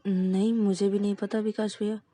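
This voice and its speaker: A woman voicing a gentle young man who asks soft, curious questions. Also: mid-range voice, flat delivery, moderate pace, lightly acted.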